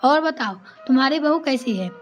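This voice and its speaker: A woman's voice: sits high, animated, moderate pace, faint music behind. A woman voicing an older mother-in-law who complains about her daughter-in-law, reading a storybook tale. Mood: scolding. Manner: complaining, scolding. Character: older mother-in-law, sharp-tongued, later remorseful.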